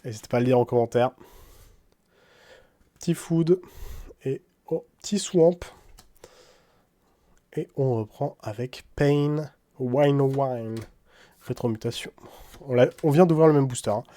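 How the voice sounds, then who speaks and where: Slow, mellow-voiced man reading card names. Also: mid-range voice. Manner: reads card names aloud, wry asides; stumbles over English card names in a French accent. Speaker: card-opening YouTuber. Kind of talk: casual card-opening commentary.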